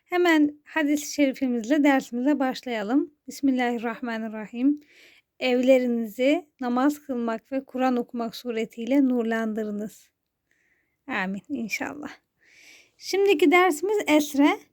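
A woman teaching Quran reading, pronouncing each syllable slowly and patiently so listeners can repeat after her. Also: sits high, a little mellow. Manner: patient, drawn-out syllables for repetition. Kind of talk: slow syllable-by-syllable recitation lesson.

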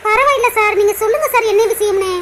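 A timid young village woman in a cartoon, with a squeaky, very high voice and a Kanyakumari Tamil accent. She pleads anxiously and keeps deferring to the man she loves. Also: quick pace, a bit bright, a little hiss or hum. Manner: pleading, keeps saying sir. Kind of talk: cartoon voice acting.

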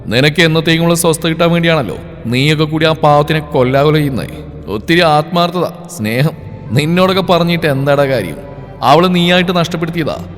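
A man's voice: on the high side, fairly quick, lightly acted. A man voicing an angry young man who harshly scolds a friend over the phone. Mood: angry scolding. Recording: reverb with background music.

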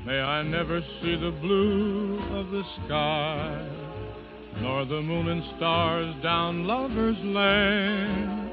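A male band singer crooning a slow ballad, heard through an old, muffled AM radio sound over a dance band. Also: fairly high pitch, steady tone. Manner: smooth sustained crooning. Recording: muffled 1940s record over loud band. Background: loud dance band music.

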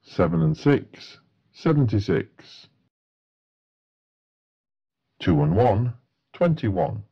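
A man's voice: mid-range voice, very animated, slow pace, creaky, breathy edge, muffled recording. A man working as a bingo caller, announcing numbers in set phrases with a matter-of-fact delivery.

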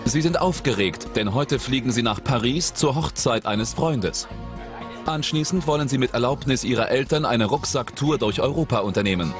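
A man reading scripted documentary narration in a studio voice-over, with a measured, suspenseful delivery. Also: medium pitch, expressive. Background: dramatic music.

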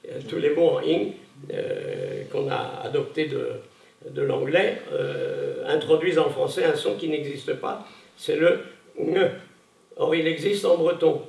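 A man gives a conference talk, pausing often on fillers and circling back to restart his sentences. His voice is strongly gravelly and a little high, with lively intonation. He is heard from some distance across an echoey hall. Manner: hesitant, many fillers and restarts. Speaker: conference speaker. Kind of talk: public lecture. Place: lecture hall. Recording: echoey room, voice from afar.

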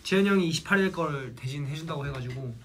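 This idol group member, a young adult from South Jeolla, Korea, talks casually with fans during a livestream, rattling through stories and a list. His voice is a little high with a fairly bright tone, and slight background noise can be heard in the small, plain-walled indoor room.

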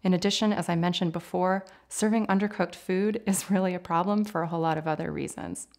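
Woman therapist calmly explaining kitchen safety. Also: lowish voice. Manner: clear, measured, instructive. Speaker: occupational therapist. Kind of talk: explanatory interview talk. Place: home kitchen, indoors.

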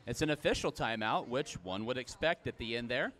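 A man calls the action as a play-by-play commentator, voice sitting at an ordinary middle pitch. His calls are brisk and matter-of-fact, then spring upward in pitch and volume when a big play happens. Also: expressive, fairly bright tone. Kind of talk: live sports commentary.

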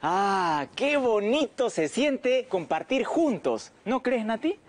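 Friendly co-host with a lively voice. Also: male voice, sits high, slow. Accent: Peruvian Spanish. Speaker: children's program co-host. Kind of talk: scripted kids' TV co-hosting.

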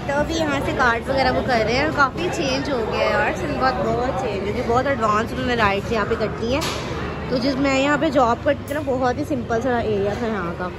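A woman's voice: fairly high pitch, brisk, poor audio. A woman in her thirties vlogging casually to a phone held at arm's length, chatting and narrating as she goes. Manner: chatty, narrates to camera with light laughs. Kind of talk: casual vlog chat. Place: car, then busy indoor amusement center. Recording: loud crowd and traffic noise.

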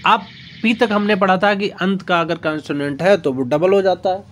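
A male teacher giving an exam-prep grammar lesson, explaining slowly and repeating himself, spelling out letter by letter. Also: high voice, a little hiss or hum. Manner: slow, repetitive explaining, spelling words out letter by letter.

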